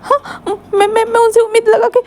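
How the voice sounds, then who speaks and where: A woman's voice: high-pitched, fairly even intonation, fairly quick, mellow, close to an everyday voice. A woman voicing a heartbroken young man who cries and stammers while pleading to be loved. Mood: sobbing. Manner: sobbing, stammering, repeating words. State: crying.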